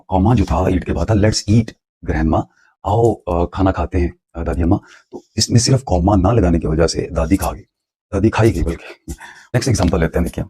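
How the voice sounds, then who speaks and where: A man's voice: low-pitched, warm tone, husky. A man teaching English grammar in a patient, explanatory lecture, repeating points for emphasis.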